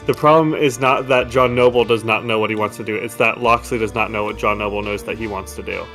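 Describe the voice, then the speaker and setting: Relaxed, rambling male game master. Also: lowish voice, quick pace, faint music behind. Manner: relaxed, rambling, laughs easily. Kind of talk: narrating a tabletop game.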